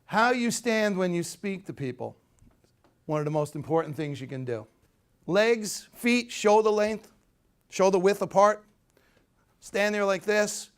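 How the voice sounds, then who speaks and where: A man teaching public speaking at a live workshop, energetic and demonstrative, leading the group in call-and-response. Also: high voice, measured pace, pauses often, clean tone. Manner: demonstrative, acts out postures and tones.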